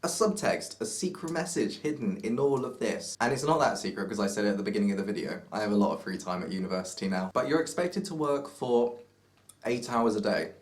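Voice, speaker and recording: A man's voice: on the low side, fast. A young man in a casual vlog, rambling through playful mock-serious tangents. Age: young adult. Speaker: vlogger.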